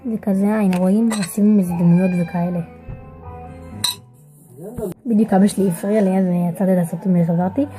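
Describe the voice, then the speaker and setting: A woman's voice: medium pitch, pauses often, over music. Chatty young girl vlogging at home. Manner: chatty, searches for words, excitable. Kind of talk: casual home video chat. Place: home bedroom.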